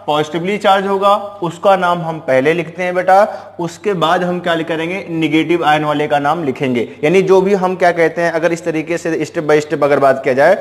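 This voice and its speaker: Male chemistry teacher, high voice, patient step-by-step lecture with rhetorical questions, recorded in a reverberant room. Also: fairly even intonation, moderate pace. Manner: explains step by step, keeps asking rhetorical questions and calling students "beta". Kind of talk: classroom lecture.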